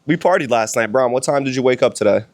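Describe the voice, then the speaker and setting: A hungover man gives a casual motivational podcast talk at a middling pitch. He is blunt and emphatic, leaning on slang and swearing. He repeats short phrases to drive each point home. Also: expressive, fast. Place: outdoors on a villa balcony.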